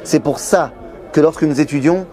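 Lively man teaching in a yeshiva. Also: on the high side, normal speed. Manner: lively storyteller, acts out quoted voices. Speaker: Torah teacher. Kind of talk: explanatory lesson to camera. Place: busy yeshiva study hall.

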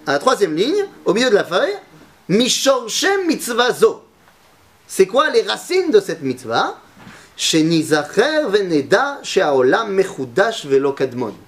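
A man teaching a Torah lesson to a class, asking his students questions and mixing Hebrew terms into his talk. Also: on the high side.

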